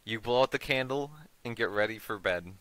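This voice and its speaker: A man plays a story game and reads its text aloud at a measured pace. Between passages he drops into crude, swearing remarks. His voice is bright and crisp, recorded dry and close. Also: fairly low pitch, no echo, poor audio. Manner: measured reading broken by swearing asides. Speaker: gaming channel host. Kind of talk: reading game text aloud with cursing commentary.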